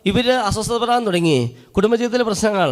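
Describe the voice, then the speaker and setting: A man's voice: sits high, fast. A middle-aged man with a Keralan accent, a priest preaching a sermon, retelling scripture as a story and asking and answering his own questions.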